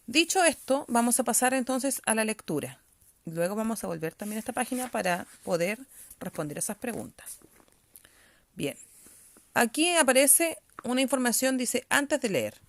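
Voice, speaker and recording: A woman's voice: a little high, no echo. A woman teacher leads a reading-comprehension lesson at a patient, explanatory pace. She keeps checking in with her pupils as she goes. The recording is close and dry, with no room sound.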